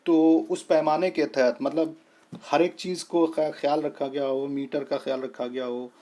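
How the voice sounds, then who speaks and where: A man teaching a lesson, explaining terms step by step, splitting words slowly and often checking that the listener follows. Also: fairly high pitch, steady tone, dark tone. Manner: repeats "thik hai" to check understanding. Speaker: English tutor.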